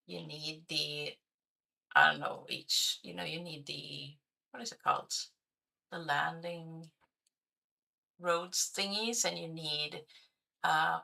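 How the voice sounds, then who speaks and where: A woman game streamer whose first language is Swedish talks slowly in a gravelly, low voice with a sharp tone, over a low-quality recording. Her casual livestream commentary while playing is chatty, thinking aloud and hesitant with fillers.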